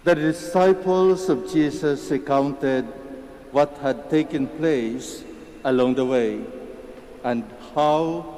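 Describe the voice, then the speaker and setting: A clergyman reads the Gospel in a soft-toned, mellow male voice. He moves very slowly and solemnly from phrase to phrase, with a long cathedral echo trailing behind him. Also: on the high side, slight background noise. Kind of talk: liturgical Gospel reading. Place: large reverberant church.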